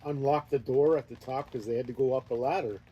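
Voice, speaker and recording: Laid-back man with a mellow voice. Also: medium pitch, steady tone, fairly quick, slightly rough, highs cut off. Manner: laid-back, meandering storytelling, laughs often. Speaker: host. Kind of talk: casual chat. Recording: faint background noise.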